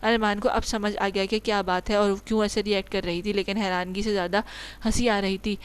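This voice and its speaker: A woman reads a romance novel aloud at a steady pace and now and then fixes a slip as she goes. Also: mid-range voice, smooth. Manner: steady reading with small slips and self-corrections. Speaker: audiobook narrator.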